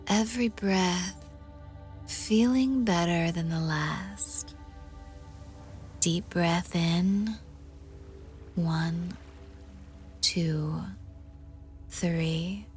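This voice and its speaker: A woman doing an ASMR role-play as a hypnosis guide, murmuring softly and breathily right into the ear, teasing, coaxing and gently commanding. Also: fairly low pitch, extremely slow, long pauses, soft background music. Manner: soft, intimate, breathy close-up murmur, right in the ear, often slipping into soft voice. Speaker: hypnosis audio host.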